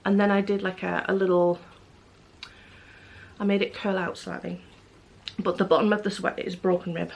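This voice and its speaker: A woman's voice: mid-range voice, flat delivery, moderate pace, gravelly, pauses often. A woman vlogger chatting casually to camera, rambling with many fillers and restarts. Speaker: knitting vlogger.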